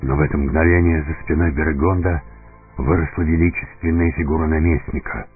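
A man narrating a fantasy story in deliberate, dramatic scripted audiobook style. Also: a bass voice, steady tone. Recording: narrow phone-like sound, faint music.

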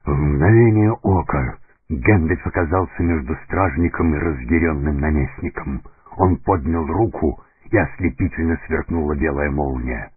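A male narrator with a very deep, heavily husky voice tells the story in a deliberate, dramatic way. The recording is dry and squeezed into a narrow, phone-like band, with faint music running underneath. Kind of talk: scripted audiobook narration.

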